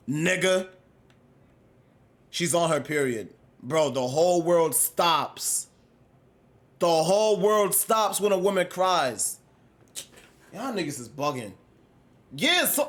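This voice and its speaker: Young male streamer, high voice, slangy and rambling, casual chat with viewers. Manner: animated, rambling, slangy, swings between loud and mumbled. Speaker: livestreamer.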